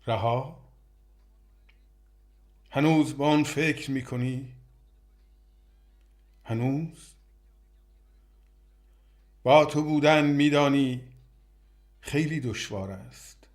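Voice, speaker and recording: A man's voice: mid-range voice, pauses often. A man reciting a poetic dialogue with himself, trading short, brooding questions and answers.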